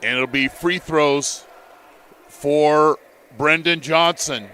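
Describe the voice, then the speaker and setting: A man calling a live college basketball game play by play, in measured, steady calls. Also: a little high, a little hiss or hum. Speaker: play-by-play commentator.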